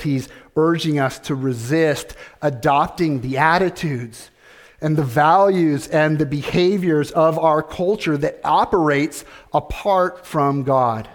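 A middle-aged male pastor delivers a sermon at an unhurried, deliberate pace. His voice sits a little high for a man. He leans on repeated phrases and rhetorical questions.

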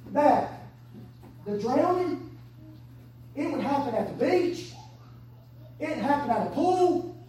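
A woman, preaching an impassioned sermon that swings between hushed and shouted. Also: sits high, lively intonation, slow, pauses often, a little hiss or hum. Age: 30s. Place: church sanctuary. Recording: echoey church from far off.

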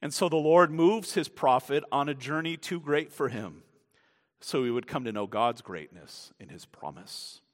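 A man preaching a sermon as pastor, dramatic and emphatic, swinging from hushed asides to loud declarations. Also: mid-range voice, lively intonation, moderate pace. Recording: long reverb from a large room.

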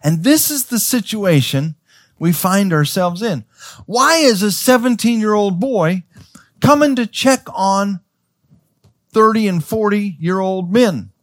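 A man's voice: high voice, animated, slow, dry recording, clean studio sound. A man preaching a sermon as pastor. He tells the story in a conversational way, with stammers and restarts, and acts out the characters' voices.

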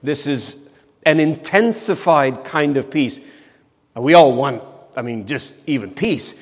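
A man preaching a sermon in an earnest way, repeating words for emphasis and slowing down on key phrases. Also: mid-range voice, animated, long reverb tail. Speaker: pastor.

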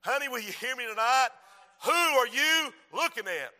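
Casting: a man preaching in a big reverberant hall, high voice with a sharp edge, repeats his phrases, rises to shouts. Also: lively intonation, normal speed. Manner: rhythmic repetition, swings from quiet to shouting. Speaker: preacher and school principal. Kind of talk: sermon.

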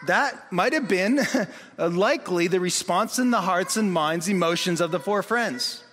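A man preaching a sermon in an animated way, acting out the voices of the people in his story. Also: sits high, unhurried, a little hiss or hum. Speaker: pastor. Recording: long reverb of a hall.

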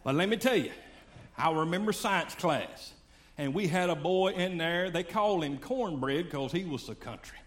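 A man's voice: fairly high pitch, lively intonation, normal speed. An older man preaching a sermon in a fervent, folksy way.

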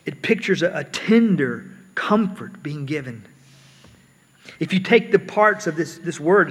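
High-voiced preacher in a reverberant hall. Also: male voice. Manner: earnest, repeats words while explaining. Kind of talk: sermon.

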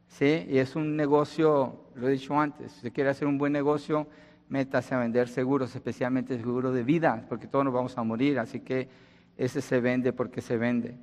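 A man from Colombia preaching a sermon in a conversational way, asking rhetorical questions and rising in emphasis. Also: fairly high pitch. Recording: long hall reverb.

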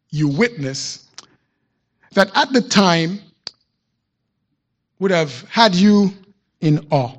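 Male pastor, higher register, unhurried reflective sermon delivery. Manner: measured, reflective storytelling with deliberate pauses. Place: church sanctuary.

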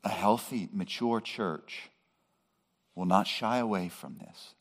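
Male pastor, deep low voice, slow and deliberate sermon delivery with emphatic rises. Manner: slow, measured preaching that rises to emphatic peaks.

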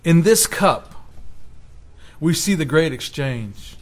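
Emphatic preaching man, higher voice. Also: expressive, slow. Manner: earnest preaching, rising emphatically on scripture quotes. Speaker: pastor. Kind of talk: sermon.

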